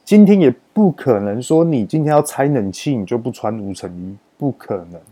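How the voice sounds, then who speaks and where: A man with a Taiwanese Mandarin accent talks through a story from his job in a loose, emphatic monologue. His voice sits in a mid register with a dark, mellow color. He leans on drawn-out particles at the ends of sentences to drive his points home. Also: mid-range voice, expressive, husky. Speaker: podcast host.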